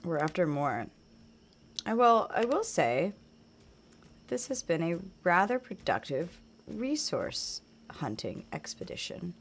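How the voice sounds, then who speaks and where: A woman chatting casually while she plays a game, rambling on and trailing off into quiet mutters as she focuses. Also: fairly low pitch, big pitch swings, slow pace, long pauses, slight background noise. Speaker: game streamer.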